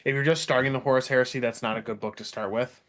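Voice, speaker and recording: A man's voice: mid-range voice, fairly even intonation, quick pace, a bit bright. A laid-back young man co-hosting a podcast, with an ordinary mid-range voice. He chats easily and unhurriedly, recommending things to his friend. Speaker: podcast co-host. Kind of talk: casual chat.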